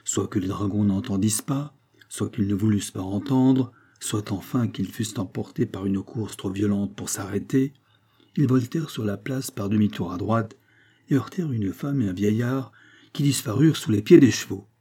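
A man reading a classic novel aloud as an audiobook narrator, in a steady, measured storytelling voice. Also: on the low side, breathy edge.

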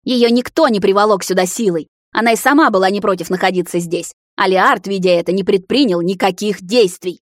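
A woman's voice: mid-range voice, a little fast, few pauses, no room sound, clean studio sound, close to an everyday voice. A woman voicing a furious, betrayed young heroine who snarls threats and accusations. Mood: angry.

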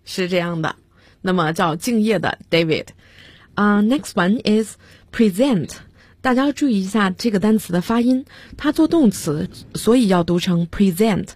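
A woman's voice: mid-range voice, animated, moderate pace, darkish tone, no echo. A woman teaching English vocabulary on a radio lesson, spelling words out letter by letter and giving example sentences.

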